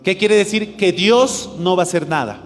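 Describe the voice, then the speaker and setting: A man's voice: sits high, moderate pace. A male pastor with a Bolivian Spanish accent, preaching a sermon and asking his congregation questions that he answers himself. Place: church hall. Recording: echoey church hall with music.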